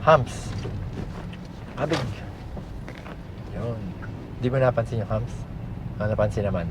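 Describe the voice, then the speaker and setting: Slowly and at medium pitch, a Filipino man coaches a driver from inside a moving car, using short commands and tag questions in relaxed, practical instruction. Engine and vehicle noise is loud, and the audio is muffled.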